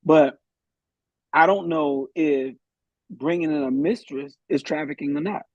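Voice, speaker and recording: A man's voice: a little high, unhurried, no echo, muffled recording. A man, a guest in a live podcast discussion, thinking aloud in a hesitant way with many restarts.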